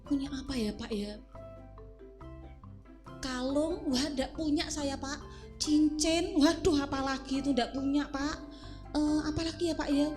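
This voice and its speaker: A woman's voice: high voice, measured pace, long pauses, darkish tone, faint music behind. A woman voicing a poor widowed mother who frets and pleads in a children's story. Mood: worried. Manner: pleading, fretful.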